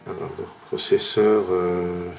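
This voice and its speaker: A French man thinking aloud, slowly trying one word after another while playing a word-guessing game at his computer. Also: low voice, level tone, creaky, a little hiss or hum. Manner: slow, musing, trails off while guessing.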